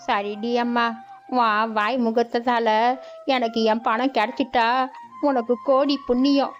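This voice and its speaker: A woman playing a frail old village grandmother in a cartoon story, her voice high and pleading as she wails slowly. The audio is dull and lo-fi, with music faintly underneath. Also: little pitch movement, natural voice. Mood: tearful, pleading. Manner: wailing, slow and pleading.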